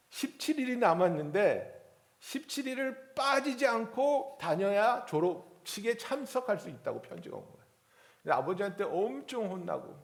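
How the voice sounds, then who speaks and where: A man preaching a sermon as pastor, telling a story and acting out the voices in it. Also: high-pitched. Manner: rising to forceful preaching.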